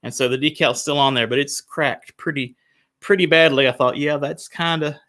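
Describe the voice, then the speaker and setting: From a small church room, a pastor from the United States talks informally to his Bible study livestream, rambling a little with restarts and laughter. His slightly high, fairly bright voice moves at normal speed with fairly even intonation.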